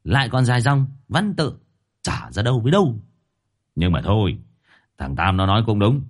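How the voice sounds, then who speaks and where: A man voicing a gruff, grumbling old fortune-teller in a storybook. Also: on the low side, sing-song, normal speed.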